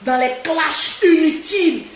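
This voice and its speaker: A woman's voice: high-pitched, measured pace. A woman hosting a casual live stream, talking outspokenly and animatedly straight to her viewers. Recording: echoey room with faint noise.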